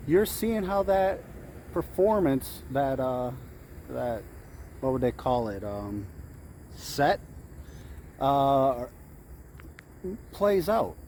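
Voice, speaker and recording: With a mellow, mid-range voice and slight hiss or hum, a man gives day-trading tips outdoors in the heat. His informal pep talk as a coach repeats phrases for emphasis and acts out what traders are thinking.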